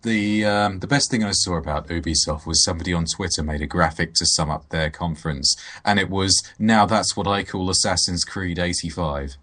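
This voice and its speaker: Wry low-voiced guy. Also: normal speed, hardly any pauses, a bit bright. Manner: wry, sardonic riffing. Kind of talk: casual chat about games.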